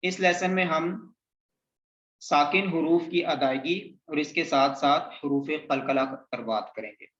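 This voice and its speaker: A man's voice: a little high, measured pace, fairly bright tone. A man teaching Quran reading, patiently drilling syllables one by one in a lesson. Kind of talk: slow recitation lesson, spelling out letter sounds. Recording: roomy, dull lo-fi sound.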